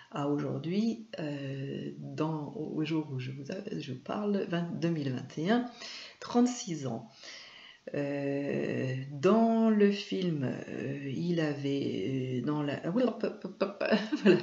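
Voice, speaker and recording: Slow, gravelly-voiced woman teaching. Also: low-pitched. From France. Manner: unhurried, hesitant, frequent fillers and self-corrections. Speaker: media trainer and presenter. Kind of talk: explanatory video lesson on film. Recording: echoey room, dull lo-fi sound.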